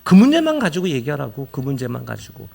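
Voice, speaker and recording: A pastor preaches a sermon in a medium-pitched voice with vocal fry, talking fast. He is earnest, explaining things to the congregation and urging them on, and he animatedly acts out the voices of church members.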